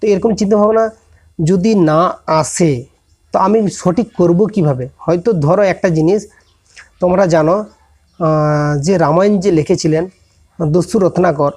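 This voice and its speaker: Higher-pitched man giving an informal moral talk. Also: darkish tone. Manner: conversational, many restarts and self-corrections, addresses listeners directly. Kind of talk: informal motivational lecture to students.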